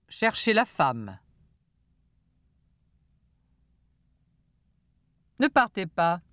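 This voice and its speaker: A woman's voice: medium pitch, no room sound, studio quality. Woman carefully pronouncing drill phrases. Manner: careful, distinct articulation of short phrases. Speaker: language lesson speaker. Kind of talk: slow model pronunciation for a language drill.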